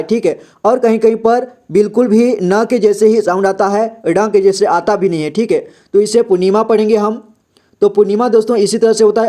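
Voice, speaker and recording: A young man teaching a reading lesson, spelling words out slowly syllable by syllable and often checking in with his listeners. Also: high voice, a little mellow. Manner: repeats "ठीक है" and "दोस्तों" often. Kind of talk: slow step-by-step reading lesson.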